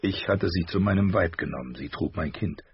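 A man's voice: sits low, breathy edge, dry recording, dull audio. A man voicing a stern, reserved lord who speaks coolly and with restraint. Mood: restrained. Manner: cool, measured, restrained.

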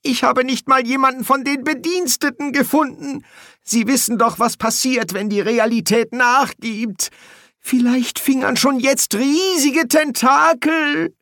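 A shrill, panicky wizard bursar. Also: male voice, fairly even intonation, measured pace, pushed and bright, no room sound, clean studio sound, exaggerated voice. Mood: panicky whimper. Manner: shrill, whining, frantic.

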